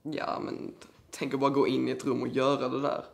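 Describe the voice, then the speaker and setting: A young actor playing a slangy, gravelly teenage boy. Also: medium pitch, completely flat delivery, lightly acted. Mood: awkward. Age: teens. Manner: casual, slangy, shrugging. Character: sullen teenage boy with cancer, blunt and awkward. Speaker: teen cancer patient. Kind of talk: scripted drama, interview confessional. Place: living room indoors.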